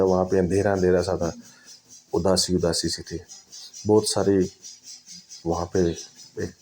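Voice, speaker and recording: A man telling a first-person spooky story in a dramatic, unhurried way, repeating phrases for effect. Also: low-pitched, mellow.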